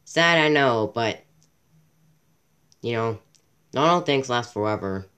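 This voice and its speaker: A man's voice: medium pitch, animated, slow pace, bright, forceful tone, smooth. A man from Canada hosting a casual home-recorded video, reading a wiki aloud in a rambling, self-interrupting way while losing his voice. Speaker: channel host.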